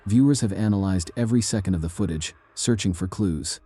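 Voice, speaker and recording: A man giving a measured, ominous scripted narration of eerie true stories. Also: low-pitched, warm tone.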